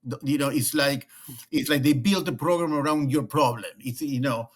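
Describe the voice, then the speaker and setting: A middle-aged Argentine man, a leadership consultant, speaks with an Argentine Spanish accent as a guest in a conversational interview. His mid-range voice is slightly rough and at normal speed, and he often restarts and repeats words.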